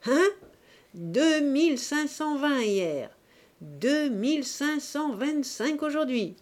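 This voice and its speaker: A woman voicing an angry middle-aged male financier who shouts in an audiobook reading. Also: high voice, lively intonation, normal speed, pitched above the performer's own voice. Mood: furious. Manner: shouting, explosive. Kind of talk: audiobook character voice.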